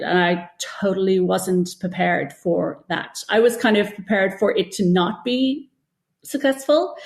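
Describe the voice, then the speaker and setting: A guest author and former TV producer speaks in a medium-pitched, slightly mellow voice, answering interview questions conversationally. She's self-deprecating, tells anecdotes, and acts out what people said to her, all in a roomy, echoey recording.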